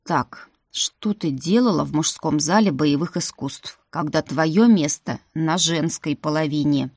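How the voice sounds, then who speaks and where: Woman narrator doing arrogant ice dragon prince: slow, low growl, husky, dry close read. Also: darkish tone, no room sound, heavily acted. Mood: stern. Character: arrogant male ice dragon prince, stern academy dean.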